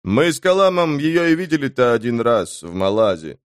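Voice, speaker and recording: A man's voice: medium pitch, big pitch swings, normal speed, clean tone, no echo, clean studio sound, close to an everyday voice. A man voicing a tense, evasive male soldier-mage who brushes questions off in a fantasy audiobook. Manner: tense, dismissive.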